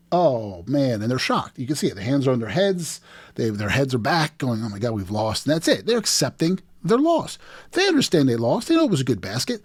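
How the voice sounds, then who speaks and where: Animated man breaking down game footage. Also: fairly high pitch. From New Jersey. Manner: animated play-by-play, emphatic restarts. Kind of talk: sports video commentary.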